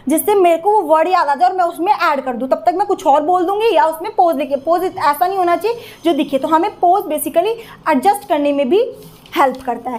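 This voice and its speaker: A young Indian woman with an Indian accent, teaching in an explanatory exam-prep lecture and often checking in with her students. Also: very high voice.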